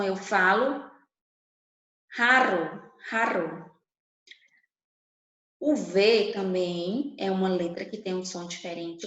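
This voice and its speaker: A woman's voice: on the low side, echoey room, muffled recording. A woman teaching Spanish to Portuguese speakers, explaining step by step and asking the class questions. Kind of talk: online class lesson.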